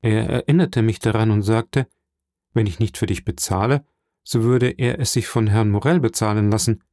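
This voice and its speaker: A man reading an audiobook, voicing a frail, gentle old father who speaks softly and wearily. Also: on the low side, moderate pace, no echo, clean studio sound, natural voice. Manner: soft, weary, hesitant. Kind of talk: audiobook character voice.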